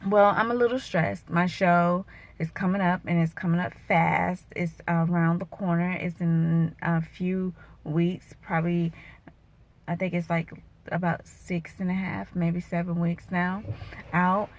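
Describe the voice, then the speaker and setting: A woman's voice: lowish voice, flat delivery, unhurried. A woman in her thirties, an emotional vlogger and bikini competitor, venting earnestly and turning preachy and motivational, her voice wavering at times.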